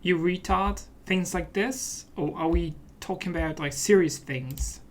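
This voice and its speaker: In the style of a let's play host, a man chats casually about a game while playing it, often turning playful and mock-serious. His voice is high-pitched and a little slow, with slight background noise.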